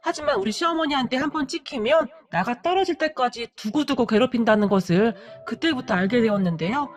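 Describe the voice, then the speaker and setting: Female narrator for a family drama story, high voice, gossipy. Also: animated, fairly quick, faint music behind. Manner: gossipy, recounting hearsay.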